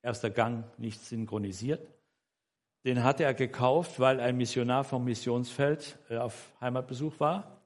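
An older man shares a personal testimony in an easy, meandering way and keeps checking in with his listeners through small tag questions. His voice sits at a middle pitch, and a long reverb trails after his words. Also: unhurried. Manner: rambling and animated, with frequent "ne?" tags and self-corrections. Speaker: church member giving a personal testimony. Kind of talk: conversational personal storytelling.

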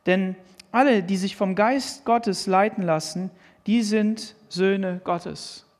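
A man's voice: high-pitched, slow pace. A man preaching a sermon, earnestly reading and explaining Bible verses and asking pointed questions. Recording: long hall reverb.

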